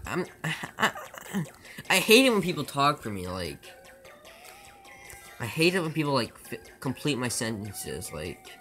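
A man's voice: mid-range voice, pushed and bright. A man chatting casually with his viewers during a live speedrun stream, joking and rambling with stammered restarts.

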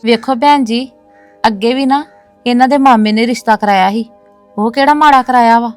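A woman's voice: on the high side, normal speed, faint music behind, close to an everyday voice. A woman playing an insistent, proud sister. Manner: earnest, insistent, repeating "no, no, sister". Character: woman defending her brother's family, proud. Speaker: actress in a web series. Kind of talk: domestic drama acting.

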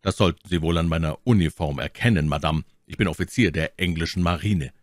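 A man voicing a young naval officer who answers calmly and curtly, in a dry audiobook reading. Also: sits low, a little fast, dry recording, close to an everyday voice. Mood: calm, formal. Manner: calm, curt and polite. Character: young naval officer, calm, cold and curt.

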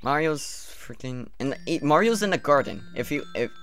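A man's voice: medium pitch, very animated, brisk, fairly bright tone. Sarcastic young man gaming commentary. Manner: joking, sarcastic, rambling. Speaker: let's play commentator. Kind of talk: game commentary. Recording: game music behind.

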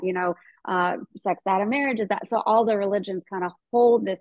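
A woman's voice: on the low side, no room sound. Earnest woman gynecologist on a video call. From American South. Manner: earnest, thinking aloud with many fillers and restarts. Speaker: gynecologist guest. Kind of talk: webinar interview. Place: indoor room at home. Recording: dull dry video call audio.

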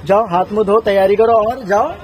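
A man's voice: high voice, moderate pace. Playful young man vlogging at home. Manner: playful, teasing with his baby son. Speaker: family vlogger. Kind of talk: casual family vlog. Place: small home during rain. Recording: noisy phone recording.

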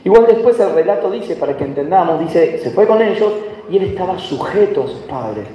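A man's voice: high-pitched, lively intonation, a little fast, dull audio, slight background noise. A man with an Argentine accent preaching a sermon, telling stories with light humor and asking the congregation questions. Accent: Argentine Spanish. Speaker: visiting pastor. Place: church hall. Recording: echoey hall from far off.

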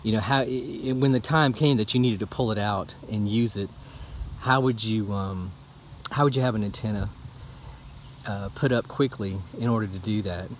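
This man's lowish voice moves at a moderate pace as he walks through a how-to demonstration on his homestead. He's outdoors in a rural yard, talking casually and plainly with a folksy touch, recorded on a handheld camera or phone mic amid outdoor noise and insect chirping.

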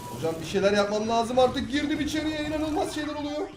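A young man from Turkey commentating his own gameplay, jumping between loud excited outbursts and low grumbling complaints. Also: quick pace. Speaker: gaming YouTuber. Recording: echoey room with game music.

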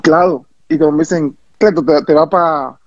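Man, Dominican accent, former pitcher, animated storyteller, repeats words, dry close recording. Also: moderate pace, dry recording, highs cut off. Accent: Dominican Spanish. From Dominican Republic. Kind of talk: interview storytelling.

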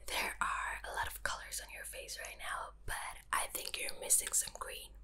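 A young woman in a whispered role-play, speaking in soft, tingly ASMR whispers with mouth sounds, close to the mic. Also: normal speed. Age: young adult. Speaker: ASMR creator painting the listener's face. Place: small indoor room.

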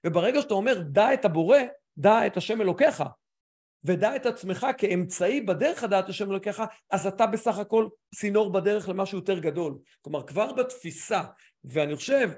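Brief: male host and coach, high-pitched voice, animated, restarts often and repeats for emphasis. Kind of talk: live online talk.

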